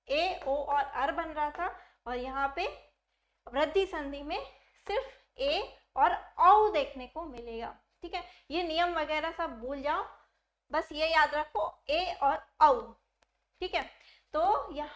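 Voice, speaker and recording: A woman's voice: sits high, a bit bright. A woman teaching a grammar lesson for exam aspirants, who keeps asking her own questions and answering them patiently. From India.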